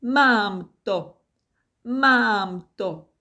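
An eager, polite little tortoise from a children's storybook, as a woman narrator puts her on, pitched well above the reader's own low voice. She speaks brightly and with a lot of excitement. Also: natural voice.

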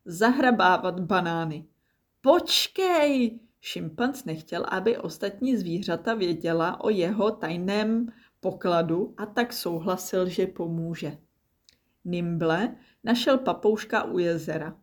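A woman with a fairly low voice reads a children's story aloud. Her delivery is calm and measured. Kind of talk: storybook narration.

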